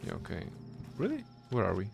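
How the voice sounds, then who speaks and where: A man's voice: fairly low pitch, wildly swooping pitch, a little fast, creaky, music in the background. A man streaming a game, chatting casually and rambling with frequent restarts. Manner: rambling, restarts words, chuckles. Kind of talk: casual gameplay commentary.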